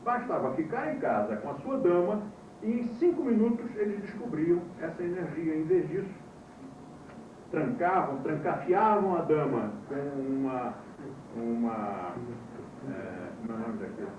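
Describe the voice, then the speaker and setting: With a voice on the high side and a slightly mellow quality, this instructor speaks in an animated but unhurried way. He lectures a class, telling wry stories and quizzing students. The old VHS recording was made from far away and sounds muffled and echoey, with slight background noise.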